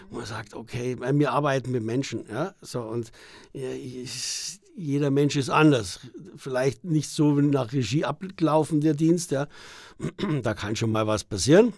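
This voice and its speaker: A middle-aged man, a driver talking as an interview guest, who bursts into loud, abrupt laughter and restarts his words often. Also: mid-range voice, dry recording, studio quality. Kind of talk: casual interview chat.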